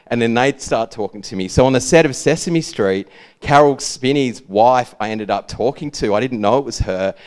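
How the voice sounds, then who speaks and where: Man, Australian accent, medium-pitched, smooth clear voice, laid-back drawl, informal rambling presentation. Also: normal speed, a little mellow. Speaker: speaker presenting own brand work. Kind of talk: informal conference talk.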